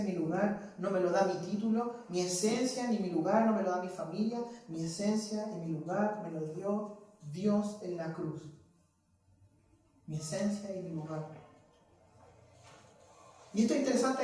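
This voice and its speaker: A man's voice: high voice, a little mellow. Echoey emphatic man preaching. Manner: emphatic, rhetorical questions, repeated phrases. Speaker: preacher leading a Bible study. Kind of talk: sermon. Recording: echoey hall, mic at a distance.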